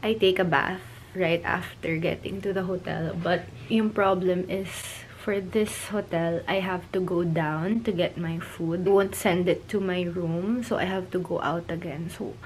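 A woman's voice: on the low side, normal speed, slight background noise. A young woman with a Filipino accent, chatting casually to her viewers from a hotel room and slipping Tagalog words into her English. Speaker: travel vlogger. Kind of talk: casual vlog chat. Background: background music.

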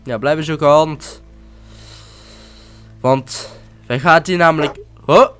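A man giving casual commentary while playing a game, excitable and often swearing or exclaiming. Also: a little high, measured pace, clear, resonant tone, faint music behind. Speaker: let's-play gamer.

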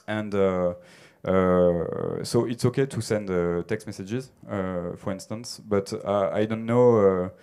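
A man's voice: lowish voice, slow, mellow, clear, resonant tone. A man in his thirties with a French accent answers conference questions on a theater stage into a handheld mic, hesitant and full of filler sounds. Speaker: conference speaker.

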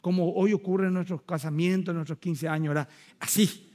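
Male pastor, Paraguayan accent, pitched high, lively sermon delivery with acted-out asides. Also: fairly quick. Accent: Paraguayan Spanish. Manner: animated, acts out dialogue, rhetorical asides.

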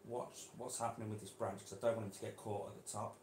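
A man keeping reptiles, chatting casually to viewers while gently coaxing and handling a snake indoors. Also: lowish voice, level tone, quick pace, echoey room, a little hiss or hum. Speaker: reptile keeper vlogger. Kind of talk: casual vlog. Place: indoor room.

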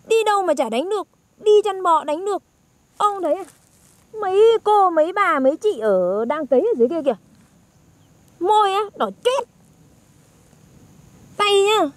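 A woman's voice: very high-pitched, no room sound. A young woman, teasing and chatty as a granddaughter in a comedy skit.

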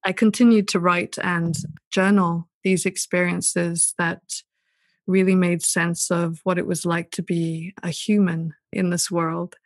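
A woman from Southern Africa, a poet and author, answering interview questions in a thoughtful, gentle way. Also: on the low side, level tone, a little slow, no room sound. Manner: thoughtful, gentle, with many "sort of" hedges. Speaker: podcast guest, poet and author.

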